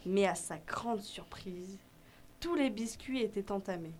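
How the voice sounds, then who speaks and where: A woman narrating a children's story in a gentle, measured reading voice. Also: mid-range voice, a little hiss or hum.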